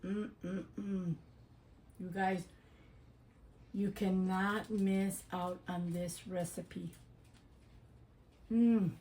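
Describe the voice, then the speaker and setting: A woman hosting a home cooking vlog, talking to her viewers in a slow, unhurried way. She is chatty and affectionate and hums with pleasure as she tastes. Faint clinks of dishes and cutlery can be heard in the kitchen behind her. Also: lowish voice, little pitch movement, darkish tone, slight background noise. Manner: chatty, affectionate, addresses viewers as "you guys" and "my doves"; savors food aloud with hums while eating. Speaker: cooking channel host.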